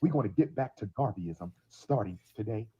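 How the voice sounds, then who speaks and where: A man's voice: fairly low pitch, lively intonation, moderate pace, warm tone, slightly rough. Man on a choppy, breaking-up live stream. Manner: declaiming, repeats his lines for emphasis. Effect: choppy live-stream audio that breaks up. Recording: muffled lo-fi live-stream audio.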